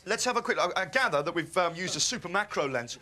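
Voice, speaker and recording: A man's voice: high voice, expressive, fast, heavy background noise. A man with a South London accent presenting a breakfast TV newspaper review, rambling and jokey. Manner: jokey, rambling, self-mocking.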